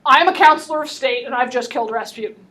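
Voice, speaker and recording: Woman putting on a smug high-ranking nobleman. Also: fast talker, bright, forceful tone. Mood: coaxing.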